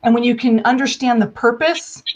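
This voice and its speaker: An American woman, a guest in a live interview, tells animated personal stories in an emphatic, irreverent manner, often acting out the dialogue. Her voice is fairly high and her pace fairly quick.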